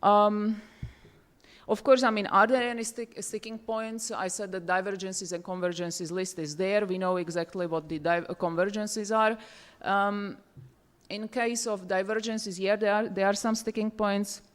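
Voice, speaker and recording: A woman from Czechoslovakia speaking English at a roundtable discussion, pausing often with fillers and restarting her sentences. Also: medium pitch, steady tone. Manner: hesitant, many fillers and restarts. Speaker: roundtable panelist. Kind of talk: conference panel remarks. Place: university seminar room.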